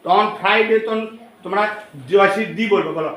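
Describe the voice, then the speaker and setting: A man teaching English to a classroom of students, drilling words in call-and-response and urging them to repeat louder. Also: sits high, fairly quick. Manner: pushes class to answer louder. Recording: echoey classroom from far off, loud crowd noise.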